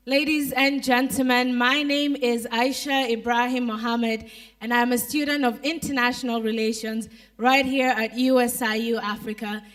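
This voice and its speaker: A woman's voice: a little high, fairly bright tone. Poised young woman moderating, a little distant. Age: young adult. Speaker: panel moderator. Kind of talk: formal panel moderating. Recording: voice picked up from a distance.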